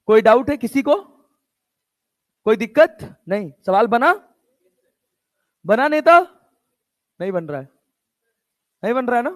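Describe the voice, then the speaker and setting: A male physics teacher lecturing a class, coaxing and teasing his students and scolding them casually. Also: sits high.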